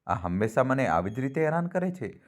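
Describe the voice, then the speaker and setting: A man's voice: mid-range voice, sing-song, fairly quick, close to an everyday voice. A man voicing a young wife who bickers playfully with her husband in a storybook reading.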